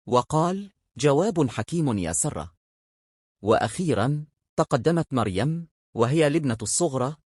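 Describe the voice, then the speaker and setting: A man narrates a fairy tale in a measured, expressive manner. His husky voice moves through a wide, lively pitch range. The recording is dry and close, with no room echo. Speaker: storyteller. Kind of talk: scripted storybook narration.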